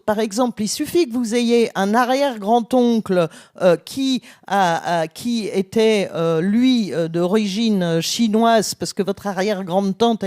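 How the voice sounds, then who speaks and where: A woman's voice: on the high side, darkish tone, no room sound, studio quality. A woman from France, a genetics professor, explaining with enthusiasm and many fillers and restarts. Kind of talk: explanatory conference conversation. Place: conference stage.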